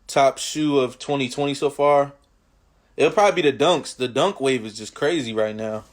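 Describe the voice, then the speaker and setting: A man with a mid-range voice hosts a casual interview at a moderate pace. He asks friendly questions in slangy speech, peppered with lots of "you feel me" and "you know."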